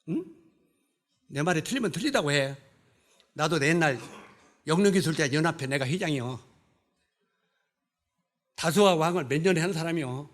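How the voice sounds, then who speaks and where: A man's voice: a little high, a bit bright. A male pastor preaching in a church. He keeps putting rhetorical questions to the congregation and scolds bluntly with humor. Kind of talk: sermon. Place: church sanctuary.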